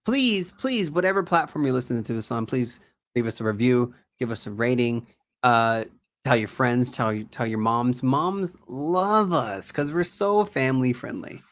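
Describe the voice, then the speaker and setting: A man co-hosting a gaming podcast, with a voice of middling pitch. He talks in a loose, rambling way, swears freely and says things twice. His delivery stays casual and unpolished throughout. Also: moderate pace. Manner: rambling, loose and profane, repeats himself. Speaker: podcast co-host.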